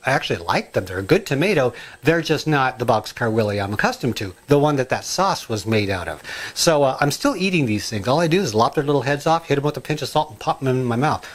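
A middle-aged man chatting casually in his home kitchen, rambling and excitable, full of asides and ums. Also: mid-range voice, quick pace. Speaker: home cooking and gardening vlogger.

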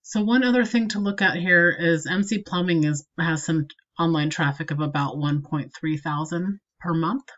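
A woman marketing consultant walking a client through an SEO review with a screen recording, in a steady and practical way. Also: deep voice, moderate pace, hardly any pauses, muffled recording.

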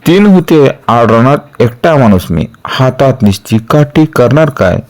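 A man voicing a sturdy, cheerful village blacksmith who speaks in rough rustic dialect. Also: mid-range voice, expressive, a little slow, darkish tone, close to an everyday voice. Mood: lively.

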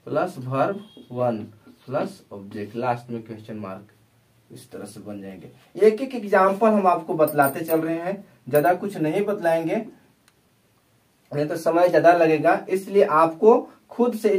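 Explaining tenses in Hindi, a male English-grammar teacher speaks in a high, slightly mellow voice picked up by a distant microphone. His pace is slow and repetitive, and he answers each question he puts to the class himself.

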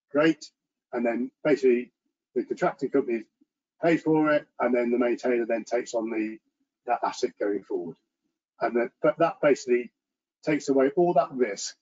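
Man, mellow husky voice, monotone, restarts often, muffled video call audio. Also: mid-range voice. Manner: earnest, frequent restarts and repetitions; self-described monotone delivery. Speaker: presenter at an engineering section meeting. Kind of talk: online presentation and Q&A.

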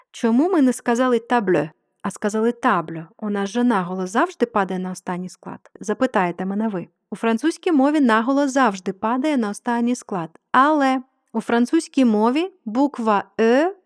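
A woman gives an online French lesson in a patient, clear voice that sits a little high. She stretches her example words out slowly. The sound is close and dry. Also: dry recording. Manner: slow, drawn-out model words. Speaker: French teacher.

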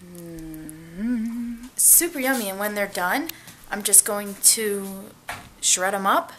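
With a slow, mid-range, slightly bright voice and a little hiss or hum in the audio, this woman vlogs about family life in an upbeat, direct way. She holds a handheld camera at arm's length, first in the car and later in her home kitchen and living room.

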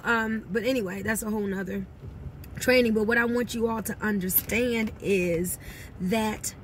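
A woman's voice: mid-range voice, a bit bright, slight background noise. A woman giving a motivational talk as a network marketing coach, speaking directly to her viewers with emphatic encouragement.

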